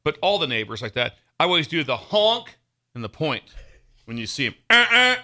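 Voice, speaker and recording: Excitable bright-voiced man telling stories. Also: mid-range voice, brisk. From Nebraska, US. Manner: excitable, animated storyteller, laughs often. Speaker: podcast co-host. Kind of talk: casual sports podcast chat.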